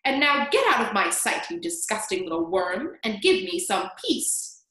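A woman's voice: sits high, sing-song, slow pace, a bit bright, echoey room, voice pushed up, full character voice, low-quality recording. A woman voicing a vain, spiteful older aunt in a storybook, snapping and screeching with theatrical scorn. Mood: snappish, scornful.

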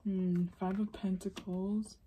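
A woman giving a pick-a-card tarot reading. She is soft-spoken, musing and unhurried, and often slips into a whisper. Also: medium pitch, little pitch movement, noisy background. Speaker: tarot reader.

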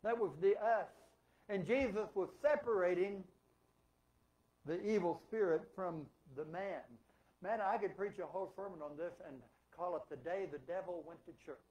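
A man's voice: sits high, normal speed, darkish tone, highs cut off. A man preaching a sermon as pastor in a church, emphatic and asking rhetorical questions. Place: church sanctuary.

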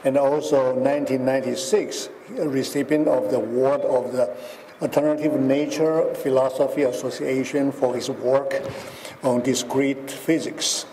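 A man introducing a keynote speaker at a hotel conference, halting, with many uhs and throat clearing. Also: mid-range voice, fairly even intonation, mellow. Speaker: session chair introducing speaker. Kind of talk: formal introduction. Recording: reverberant hall, faint background noise.

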